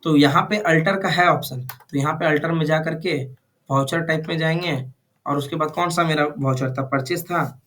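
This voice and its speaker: A man's voice: on the high side, normal speed, a bit bright. A man teaching a classroom lesson, constantly checking whether students follow. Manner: checks understanding with frequent questions. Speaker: computer course teacher. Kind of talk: live classroom instruction.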